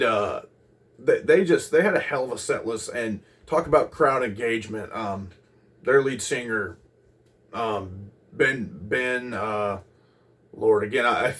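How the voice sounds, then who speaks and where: A man in his twenties casually recalling a concert as host of a music channel, rambling with many pauses and restarts. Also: mid-range voice, a bit bright, distant mic. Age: 20s. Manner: rambling, lots of ums and restarts.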